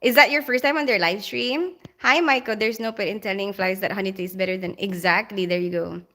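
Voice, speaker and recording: A woman's voice: mid-range voice, a little fast, sharp tone. A woman with a Filipino accent who grew up in the Philippines, chatting casually on a live stream, reading viewer comments aloud and laughing often.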